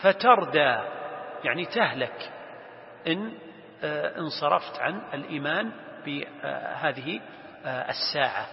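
A man's voice: fairly high pitch, lively intonation, vocal fry. Man teaching scripture in an echoey hall. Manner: measured, pauses with drawn-out fillers, recites verses with raised voice. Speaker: Quran tafsir teacher. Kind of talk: religious lesson explaining scripture. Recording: echoey hall, dull lo-fi sound.

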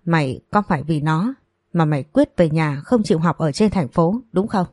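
A woman's voice: sits low, lively intonation, moderate pace, darkish tone, no room sound, clean studio sound. Woman voicing a furious, abusive middle-aged mother. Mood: furious scolding. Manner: screaming insults, scolding.

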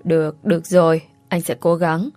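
A woman voicing a gruff, blunt young husband with a curt, rough way of speaking, read in a storybook style. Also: sits low, level tone, moderate pace, mellow, no echo, soft background music, natural voice. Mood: grudging.

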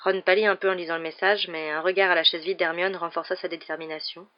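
Steady audiobook narrator, dull recording. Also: medium pitch, fast. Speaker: audiobook reader. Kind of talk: scripted narration.

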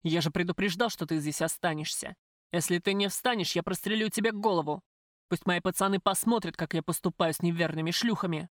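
A woman reading an audiobook, voicing a coarse, possessive male gang boss who talks in rough slang. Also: on the low side, brisk, no echo, clean studio sound, lightly acted. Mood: threatening.

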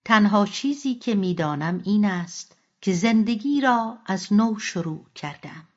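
A woman voicing a middle-aged mother who speaks softly and reflectively, in a slightly dull recording. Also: mid-range voice, expressive, lightly acted. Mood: wistful.

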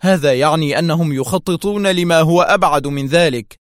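A man's voice: fairly high pitch, a little fast, no echo, clean studio sound, pitched above the performer's own voice, lightly acted. A man voicing a tense, fierce male intelligence officer who speaks with agitated, commanding harshness.

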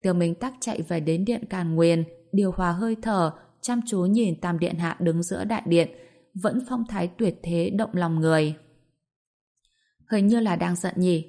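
A woman narrating a fantasy novel aloud in an even, storytelling manner. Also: on the low side, moderate pace. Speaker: audiobook narrator.

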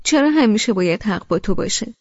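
A woman's voice: medium pitch, expressive, darkish tone, dry recording, in a large hall, voice pushed up. A woman voicing a sensitive, stubborn young wife in an audiobook, hurt and pleading, in a dull lo-fi recording. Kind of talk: audiobook character reading.

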